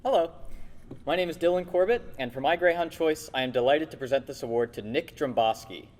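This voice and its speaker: A man's voice: on the high side, a little fast, a little mellow, a little hiss or hum. Man, teacher, prepared award speech, earnest, light humor, reverberant hall.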